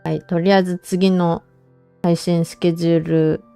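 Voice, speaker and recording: A woman's voice: lowish voice, level tone, moderate pace, creaky, mellow, clear, resonant tone, faint music behind. A woman streamer chatting casually and informally to viewers on a livestream.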